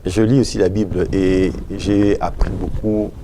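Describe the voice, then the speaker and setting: A man's voice: sits low, steady tone, measured pace, background noise. A man speaking French with a Congolese accent, a guest expert in a TV interview, talking emphatically and repeating his points. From Democratic Republic of the Congo. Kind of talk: studio TV interview.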